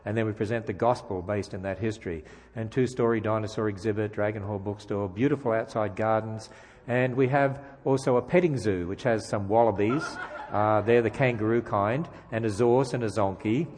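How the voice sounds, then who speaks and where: An Australian man, a guest speaker, delivers a sermon in a church sanctuary with a lowish, darkish voice at normal speed. He mixes in jokes and emphatic rhetorical questions, and the sound carries the feel of a big room.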